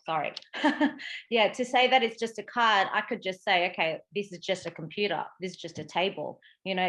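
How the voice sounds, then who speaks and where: As a casual interview guest, a psychic medium and coach from Sydney, Australia explains herself in a chatty way, sprinkling in "right" and "you know." Her Australian-accented voice is mid-range with a fairly bright tone.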